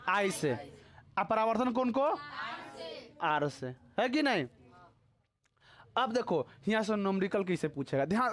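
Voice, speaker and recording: A male school teacher with a Bihari Hindi accent lectures a live class on physics. He talks to the students in short repeated questions and checks whether they have understood. He mixes in scolding and teasing. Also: sits high. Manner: repeatedly quizzes students, scolds and teases them.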